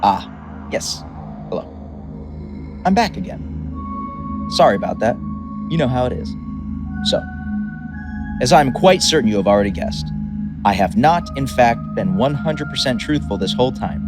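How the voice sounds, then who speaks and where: A man's voice: mid-range voice, animated, normal speed, pauses often, close to an everyday voice. A man voicing a grandiose, mercurial chaos god and toymaker, theatrical and boastful, turning chatty and wry. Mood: wry, confiding. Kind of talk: dramatic reading. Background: music.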